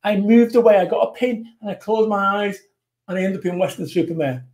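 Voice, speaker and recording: A man from England, a motivational business speaker, talking bluntly and forcefully as a guest on a live online show. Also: high-pitched, fairly quick. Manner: blunt, punchy and forceful, acts out whiny quotes. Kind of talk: energetic motivational interview talk.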